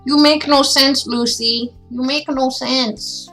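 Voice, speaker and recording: Faint music sits behind a woman whose voice runs slightly high as she hosts a stream reading classic tales aloud. She shifts from measured, expressive storytelling to casual, playful chatter.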